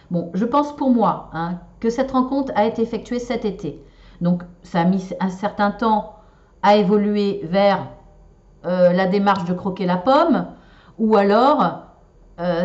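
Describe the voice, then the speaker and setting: A woman's voice: on the high side, darkish tone. Hesitant woman giving a card reading. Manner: hesitant, many fillers and restarts. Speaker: tarot and shell reader. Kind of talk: casual spoken reading for viewers. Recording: slightly dull lo-fi sound.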